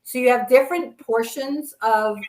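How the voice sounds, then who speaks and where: A woman's voice: a little high, moderate pace, darkish tone, roomy sound. A woman co-hosting a casual chat about products, explaining things and correcting her co-host in mock exasperation.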